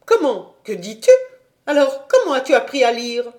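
A woman voicing a stern, prim middle-aged governess who asks sharp, indignant questions in a storybook reading. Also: a little high, sing-song, a little slow, pitched above the performer's own voice.

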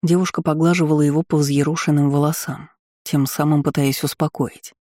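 A man giving steady, measured first-person narration of a storybook. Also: a little high, dry recording, clean studio sound. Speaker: audiobook narrator.

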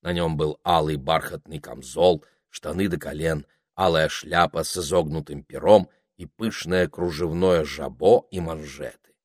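A man narrating a storybook in a measured, descriptive way. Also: a bass voice, fairly even intonation, breathy edge, no room sound, clean studio sound. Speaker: audiobook narrator.

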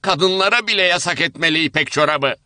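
A shrill, indignant woman makes her demand in a very high, loud voice, as a man puts her on. Her tone is preachy and sharp. The storybook reading sounds dry and close. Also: fast talker, dry recording.

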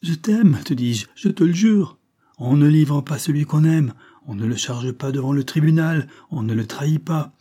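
A cold, unyielding convict speaking with grim resolve, as a narrator puts him on. The voice is mellow and husky, a touch raised and forceful. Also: male voice, on the high side, normal speed, hardly any pauses, voice pushed up. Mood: menacing. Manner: hard, inflexible. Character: cold vengeful escaped convict man.

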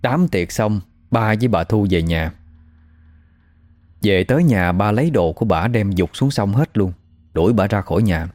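A man narrates a first-hand story. His voice sits fairly low, with a mellow, soft tone. He tells it casually, like talking to a friend. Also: expressive, normal speed. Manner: casual, conversational retelling.

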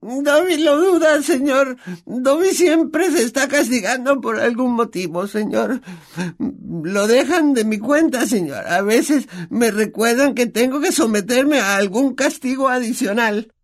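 A man's voice: extremely high pitch, measured pace, pitched above the performer's own voice. A man with a Latin American Spanish accent voicing a timid, grovelling male house-elf servant in an audiobook, speaking of himself in the third person. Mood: mournful. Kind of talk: audiobook character voice.

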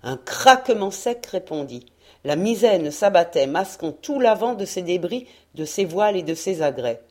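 A woman narrating a historical adventure novel in a measured, expressive reading voice. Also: on the low side. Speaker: audiobook reader. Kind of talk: scripted narration.

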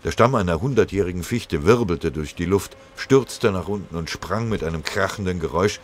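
A man's voice: sits low, moderate pace. A man reading a war story aloud in a dramatic, vivid storytelling manner. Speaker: narrator. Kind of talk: scripted audiobook narration.

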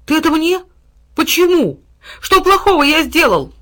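A woman voicing a loyal, eager male dog who pleads and gushes in a high, loud voice. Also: quick pace. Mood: pleading.

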